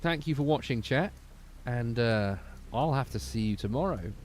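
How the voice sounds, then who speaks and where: A man's voice: mid-range voice, animated, moderate pace, darkish tone. A sleepy young man chatting casually on a livestream, rambling and trailing off as he talks. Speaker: streamer.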